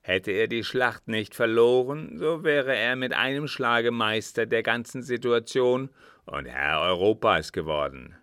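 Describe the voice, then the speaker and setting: A man voicing a gruff, bitter ex-captain. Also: sits low, a little slow, sharp tone, no echo, clean studio sound. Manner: gruff, brusque, cursing. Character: scheming bitter French ex-officer, captain.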